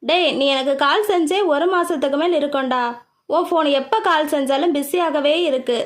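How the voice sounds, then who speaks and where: A woman's voice: sits high, moderate pace, lightly acted. A woman voicing a playful young man who teases his friends in an audiobook. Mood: teasing. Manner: mocking, joking.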